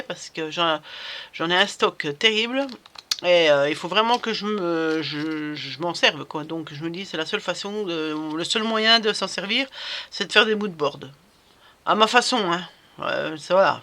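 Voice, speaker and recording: A woman's voice: fairly low pitch, bright, forceful tone. A woman vlogger chatting casually while she crafts at home, rambling and hesitant, full of fillers and restarts.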